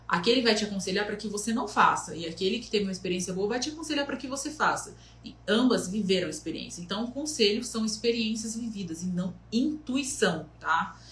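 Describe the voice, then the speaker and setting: A woman's voice: medium pitch, expressive, fast, few pauses, a bit bright. A woman giving a motivational talk on self-esteem, going point by point and acting out little quoted voices along the way. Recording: echoey room.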